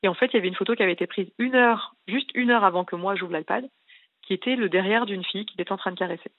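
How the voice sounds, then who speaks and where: A woman's voice: medium pitch, quick pace, no echo. A distressed woman calling in to a radio show, telling a long story in a rambling way full of details. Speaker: caller. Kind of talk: call-in radio confession. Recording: tinny phone line.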